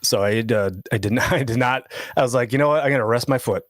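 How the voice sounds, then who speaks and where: A man's voice: medium pitch, fast, dry recording, clean studio sound. A man in his forties co-hosting a podcast, chatting casually in a rambling, self-mocking way. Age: 40s. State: sore foot. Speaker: podcast co-host. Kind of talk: casual chat.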